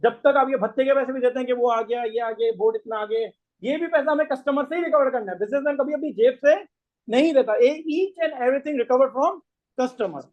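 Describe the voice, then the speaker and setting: A hoarse man gives a classroom lecture, mixes in English terms, and keeps quizzing the class with repeated questions. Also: extremely high pitch, brisk. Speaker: tax course lecturer. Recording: tinny phone-like lo-fi recording.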